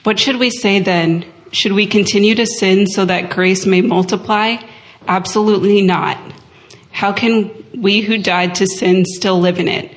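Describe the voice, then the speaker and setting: A woman reading a scripture passage aloud to a congregation in a steady, measured way. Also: medium pitch. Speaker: scripture reader.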